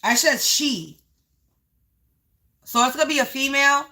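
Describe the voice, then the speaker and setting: A woman's voice: high-pitched, expressive, measured pace, sharp tone. A woman giving a live psychic reading, narrating visions as they come to her, repeating phrases and stretching out key words for emphasis. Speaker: psychic reader.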